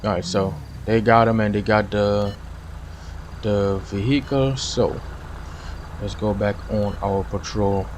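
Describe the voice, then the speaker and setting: A Trinidadian gaming streamer with a Trinidadian accent commentates a police game live, chatting with his viewers and laughing often. His lowish voice is slow and fairly even in intonation, set against a noisy background.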